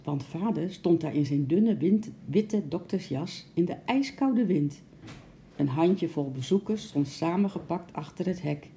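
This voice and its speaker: Woman, children's story narrator, low, gravelly, dark voice. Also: a little slow, slight background noise. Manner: gentle, expressive storytelling.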